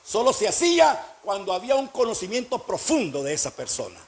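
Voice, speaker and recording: A man's voice: sits high, wildly swooping pitch, fairly quick, breathy edge. A man preaching a sermon as pastor, speaking emphatically and asking his congregation rhetorical questions.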